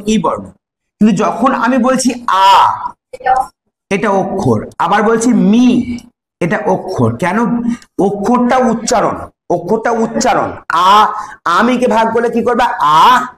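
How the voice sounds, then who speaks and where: A man's voice: high voice, reverberant, a little hiss or hum. A male English teacher, teaching grammar in a classroom style, stretching key words and quizzing pupils. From Bengal. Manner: drawn-out, sing-song stretching of key words, asks pupils questions. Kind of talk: classroom lesson explaining grammar.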